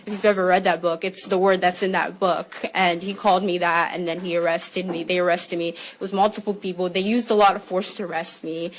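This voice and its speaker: A young woman from the United States giving a personal statement at a press conference, close to tears, halting with frequent fillers and restarts. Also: fairly low pitch, level tone, slight background noise, poor audio.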